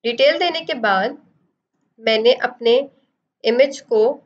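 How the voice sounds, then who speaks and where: A woman with a fairly high voice walks through a design tutorial one step at a time. She mixes English phrases into her explanations. The voice-over sounds a little dull and lo-fi. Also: slow. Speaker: design instructor. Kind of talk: screen-recorded software tutorial.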